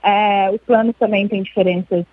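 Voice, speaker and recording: A woman speaking over a thin phone line, with a slightly husky voice. She explains things in a measured way, filling pauses with hesitations. The sound is dry and close. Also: medium pitch, steady tone, no echo. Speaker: interview guest, children's book club representative. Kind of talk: explanatory interview answers.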